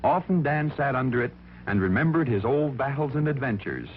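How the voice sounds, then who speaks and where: Over music on an old recording that sounds thin and phone-like, a man narrates a children's story in a theatrical, emphatic, folksy style. His medium-pitched voice is very animated and brisk, with a little hiss or hum behind it. It's dramatic scripted storytelling aimed at children.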